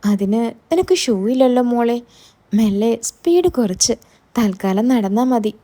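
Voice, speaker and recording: A woman voicing a grieving, gentle widowed father-in-law, in a soft, tender, pleading manner. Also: fairly high pitch, lively intonation, unhurried.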